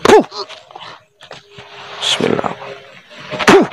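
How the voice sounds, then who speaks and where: A man's voice: extremely slow, heavy background noise. A man arguing insistently as a companion who came along to protect a friend. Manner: insistent, argumentative. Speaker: companion of a visitor. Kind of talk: heated argument.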